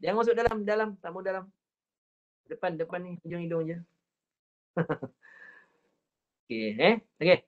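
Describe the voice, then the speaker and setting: A man with a Malaysian Malay accent teaching an online Quran recitation class, patiently repeating drills and drawing words out slowly to demonstrate. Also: sits high, animated, lo-fi sound.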